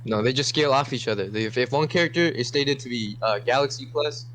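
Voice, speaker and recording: A young man in a casual debate, insistent, talking in halting bursts with restarts. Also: mid-range voice, fairly bright tone, slight background noise, low-quality recording.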